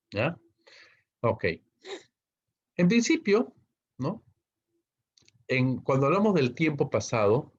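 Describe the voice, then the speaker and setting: A man's voice: mid-range voice, darkish tone, highs cut off. A man teaching an English grammar class, explaining step by step and checking in with the students after nearly every line. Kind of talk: online class lecture.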